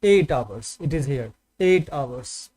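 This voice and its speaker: A man's voice: mid-range voice, lively intonation, takes it slowly, mellow, rough recording. A man with an Indian accent teaching a maths class, explaining patiently, repeating points and checking in with his students. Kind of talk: online maths lesson.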